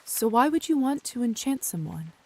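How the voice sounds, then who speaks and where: An actress playing a hesitant, earnest newly turned female vampire in a video game, soft-spoken and tentative. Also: a little high, very animated, normal speed. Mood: wary, questioning. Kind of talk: scripted game dialogue.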